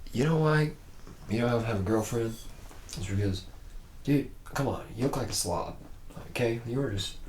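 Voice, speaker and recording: In an ASMR roleplay, a man plays a boozy, womanizing young mechanic at a robot factory, his very low voice heavily creaky. He rambles in cocky bro slang, boastful and teasing, with clear background noise and ambience around him.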